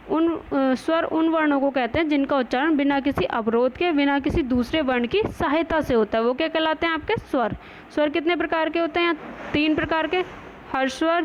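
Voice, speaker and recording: A woman with a high voice teaches grammar. She poses questions and answers them herself, with English words mixed in. The recording sounds dull and lo-fi, with faint noise underneath. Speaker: Hindi teacher. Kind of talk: grammar lesson.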